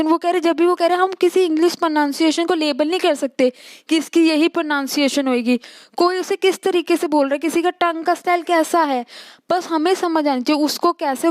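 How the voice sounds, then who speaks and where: A young Indian woman with an Indian accent, teaching a college text in a Hindi-English mix, reading English lines slowly and then explaining them quickly in Hindi. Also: high-pitched, darkish tone, dry recording.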